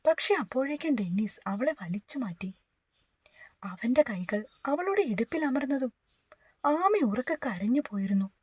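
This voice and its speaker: A woman narrating a romance novel in a steady storytelling manner. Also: sits high, a little slow, breathy edge, dry recording. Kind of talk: novel reading.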